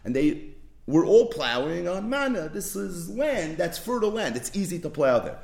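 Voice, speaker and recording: A man giving a daily Talmud lesson, telling the story in an animated way and often laughing. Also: high voice, moderate pace, gravelly, reverberant. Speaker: Talmud teacher.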